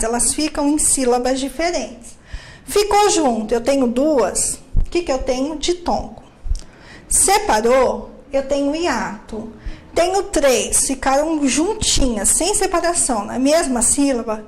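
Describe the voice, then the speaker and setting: Woman teacher going thru grammar rules, asks herself questions, high voice, echoey. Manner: explains step by step, asks and answers own questions. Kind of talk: grammar lesson.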